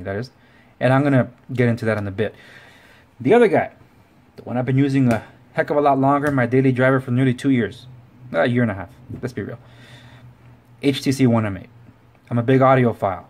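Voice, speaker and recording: Speaking straight to camera, this tech review host rambles informally through his video, dropping self-correcting asides along the way. He has a slightly mellow, mid-range male voice.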